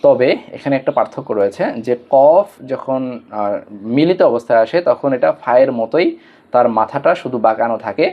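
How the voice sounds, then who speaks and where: Male Quran teacher with a Bangladeshi Bengali accent, mid-pitched, patient and methodical, long drawn-out letter names, slightly muffled recording. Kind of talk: online lesson on Arabic letters.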